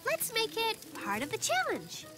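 A woman's voice: very high-pitched, wildly swooping pitch, moderate pace, over music, exaggerated voice. A woman voicing a cheerful, encouraging little girl who leads her friends in a cartoon. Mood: cheerful, determined. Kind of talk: animated cartoon acting.

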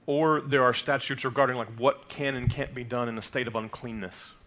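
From a lectern in a mid-size indoor sanctuary, a man in his thirties teaches the weekly Torah portion at a brisk pace. His mid-range voice is a bit bright with fairly even intonation. Not a native Hebrew speaker, he explains terms patiently and keeps checking in with "okay?" and frequent fillers.

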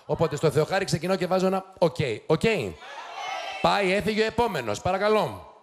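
A man's voice: high-pitched, expressive. A man hosting a TV show, giving teasing, sarcastic commentary to a studio audience. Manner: sarcastic, teasing, quick mocking asides. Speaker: TV show host. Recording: noisy studio with loud audience. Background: studio audience laughing and cheering.

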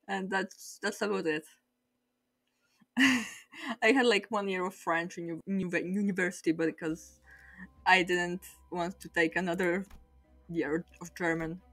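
Streaming a game, a young Polish woman rambles in accented English, her second language, teasing herself and laughing often between thoughts. Her voice is lowish, steady, and a bit bright, unhurried with long pauses, over soft background music.

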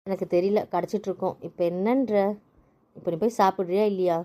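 A cheeky young wife who talks back and sighs with exasperation , as a woman acts her. Her tone is mellow and warm. It is an amateur audio drama. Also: medium pitch, steady tone, fast, natural voice.

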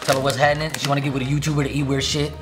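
A man's voice: mid-range voice, little pitch movement, very fast, music in the background. A man in his twenties with an American accent hosting a casual food taste test in a joking, rambling, profane way. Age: 20s. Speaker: YouTube video host. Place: home kitchen, indoors.

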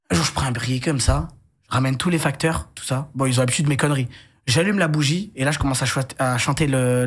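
Fast-talking husky young man. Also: mid-range voice. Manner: rapid animated storytelling with many restarts and asides. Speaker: guest telling his life story. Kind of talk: casual storytelling chat.

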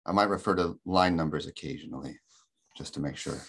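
A man giving an academic lecture in a webinar, explaining in a measured, thoughtful way with frequent ums, heard over a video call. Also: a bass voice, fairly bright tone, husky. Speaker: webinar presenter.

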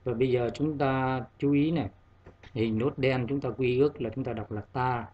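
A man's voice: medium pitch, steady tone, dull audio. A man teaching a primary school music lesson, giving patient step-by-step instructions to children. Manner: slow, patient instructions, sings note names over instrument.

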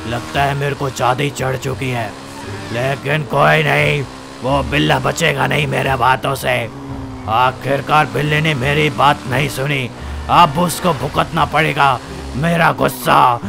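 Slurry tipsy goon, guy playing him, gravelly voice. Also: medium pitch, steady tone, measured pace, over music. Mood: grumbling. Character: drunk male gangster thug, sulky and vengeful.

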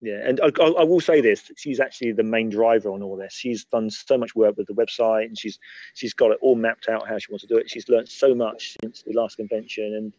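A man's voice: fairly low pitch, fairly even intonation, a little fast, darkish tone, no echo. Teasing man on a muffled line. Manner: teasing, jokey, repeats words when starting. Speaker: convention organiser guest. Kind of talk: casual chat on a call.

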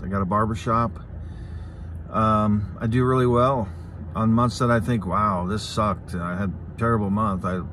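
A middle-aged man with a fairly low voice speaks candidly into a phone held at arm's length in a parked car. He is informal and confiding, halting and repeating himself as he goes. There is light background noise. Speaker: vlogger, channel host. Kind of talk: casual, candid talk to the camera. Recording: noisy in-car phone recording.

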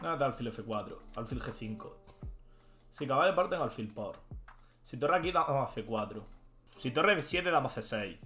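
A man, a chess streamer thinking aloud and commenting live as he plays, excitable and prone to shouting outbursts. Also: mid-range voice, normal speed, soft background music. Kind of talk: live commentary while playing online chess.

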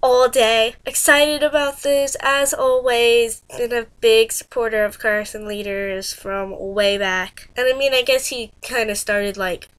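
A woman's voice: on the high side, steady tone, a little slow, hardly any pauses, a bit bright, smooth. A teenage girl with a stuffed-up nose from a cold, chatting casually and rambling as a fan in a reaction vlog. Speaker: vlogger reacting to a music video. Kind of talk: casual chat.

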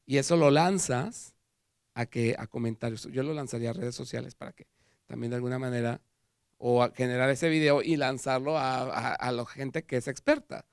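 Gravelly Mexican man giving a lecture. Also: mid-range voice, moderate pace, no echo, clean studio sound. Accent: Mexican Spanish. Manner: animated storytelling with acted quotes. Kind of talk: conference talk. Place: lecture hall.

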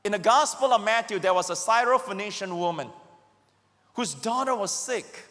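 Man, pastor, high-pitched voice, emphatic sermon, long hall reverb. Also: expressive, moderate pace, sharp tone. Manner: emphatic, calls on the congregation to respond.

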